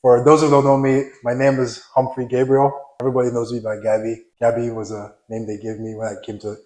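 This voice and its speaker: A young Nigerian professional basketball player chats casually as an interview guest, relaxed and soft-spoken, often restarting or trailing off. His voice is medium-pitched and a little fast, in an echoey room.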